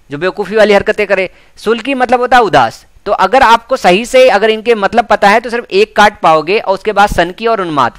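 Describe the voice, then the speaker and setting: An Indian man teaching English exam questions, explaining each answer and repeating key words, reading English sentences slowly. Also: sits high, fairly bright tone, clean tone, dry recording. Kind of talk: exam prep lecture.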